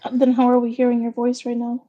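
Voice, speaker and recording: A woman chatting casually beside a streamer, rambling and teasing in a relaxed way. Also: fairly high pitch, quick pace, phone-quality sound. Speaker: family member on stream. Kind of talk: casual chat.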